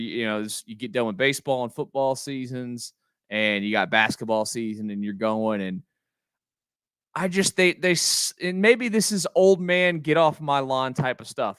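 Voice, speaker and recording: A man's voice: medium pitch, a bit bright, smooth, no echo, clean studio sound. A middle-aged man hosting a post-game sports podcast, ranting in an exasperated, emphatic way and restarting his sentences often.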